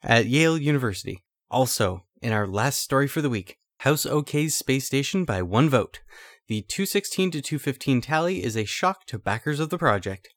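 A man's voice: medium pitch, animated, moderate pace, no room sound, studio quality. A man co-hosting a casual podcast, reading old news stories aloud in an easygoing way. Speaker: podcast co-host.

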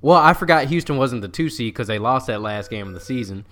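A man co-hosting a casual sports chat, speaking informally and haltingly, repeating words as he works out his point. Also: medium pitch, animated, a bit bright, slight background noise. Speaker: sports podcast co-host.

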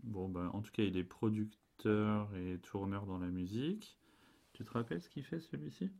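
Co-hosting a relaxed family podcast, this parent patiently coaxes answers out with questions and occasionally translates English into French. He speaks at a moderate pace in a lowish, gravelly, dark voice, recorded on a desk podcast microphone.

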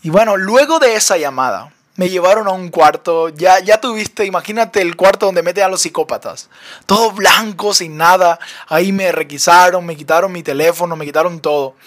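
A young man with a Colombian accent, animated and often laughing as he tells his own story for his podcast. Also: high-pitched, normal speed. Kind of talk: personal testimony storytelling.

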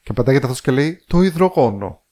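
A man's voice: medium pitch, expressive, dark tone. A man co-hosting a podcast, chatting casually and reading out listener messages with frequent fillers. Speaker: podcast co-host.

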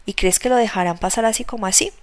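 A woman's voice: mid-range voice, fast, close to an everyday voice. A woman voicing a stern, blunt older matron of a household, scolding in an audiobook reading. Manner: scolding, commanding.

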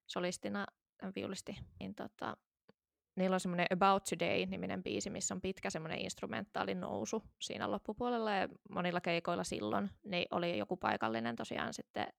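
A woman's voice: medium pitch, creaky, dry recording, studio quality. A woman in her thirties, a podcast co-host, chatting casually and rambling with many fillers and restarts. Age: 30s. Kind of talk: casual chat.

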